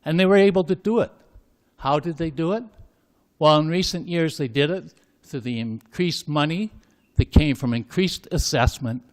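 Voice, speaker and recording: An older man giving an emphatic, indignant public comment at a town council budget meeting. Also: fairly high pitch. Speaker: citizen speaking at council meeting. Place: council chamber.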